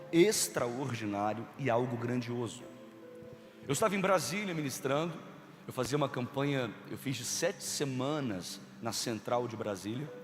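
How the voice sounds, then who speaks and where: A man with a Brazilian Portuguese accent, a bishop preaching a sermon, telling stories with sudden swings from hushed to loud. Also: fairly high pitch, big-room sound. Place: large church.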